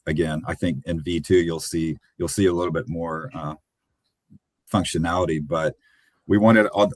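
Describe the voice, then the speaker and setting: Low-voiced man explaining a website. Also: dry recording. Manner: relaxed, hesitant with fillers. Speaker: web designer. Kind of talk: casual explanation on a call.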